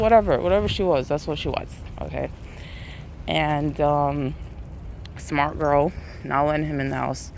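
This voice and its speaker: A woman with an American accent tells a story casually to viewers while out walking, animatedly acting out what people said. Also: low voice. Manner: animated retelling, acts out quoted speech. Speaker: vlogger. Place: outdoors on a walk. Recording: outdoor ambient noise.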